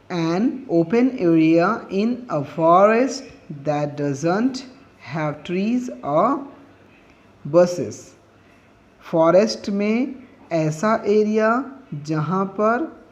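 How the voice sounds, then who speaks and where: A man's voice: high voice, mellow, highs cut off. A male teacher, giving a classroom vocabulary lesson, repeating each word for students to echo and often checking they follow. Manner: repeats words slowly for students to echo, with frequent check-ins.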